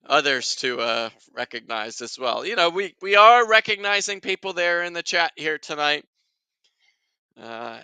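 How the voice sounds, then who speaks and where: A man's voice: medium pitch, vocal fry, sharp tone, smooth, no echo. A man hosting a live soccer watchalong stream, chatting to his viewers in a rambling, casual way.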